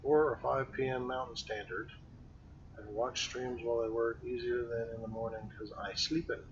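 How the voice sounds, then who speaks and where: A man's voice: mid-range voice, little pitch movement, moderate pace, lo-fi sound, a little hiss or hum. A man playing a video game on a live stream, chatting casually and joking as he explores. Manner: playful, joking. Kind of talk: casual gameplay chat.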